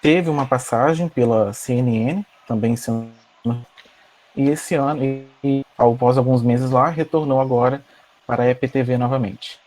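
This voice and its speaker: A young man with a Brazilian accent giving a halting, formal but unscripted introduction as a student host. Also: medium pitch, fairly even intonation, a little mellow. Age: young adult. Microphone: video call. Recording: noisy video call.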